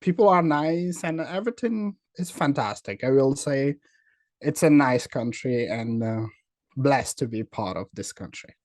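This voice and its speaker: A man from Senegal speaks English, a founder answering interview questions over a video call. He is friendly and laughs easily, filling pauses with "uh" and "um." His voice sits at a middle pitch in a dry, close recording. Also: a little mellow, no echo. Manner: friendly, laughs often, many fillers. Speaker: guest, company founder. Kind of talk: casual interview.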